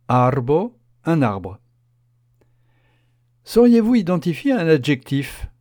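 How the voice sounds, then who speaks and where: A man gives a scripted radio lesson, leading listeners step by step with a lightly playful touch. His voice is mellow and warm, and his pitch rises and falls in a lively, animated way. He takes his time, speaking slowly and deliberately into a dry, close microphone. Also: dry recording. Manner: slow, clear, instructive, lightly playful. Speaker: language teacher.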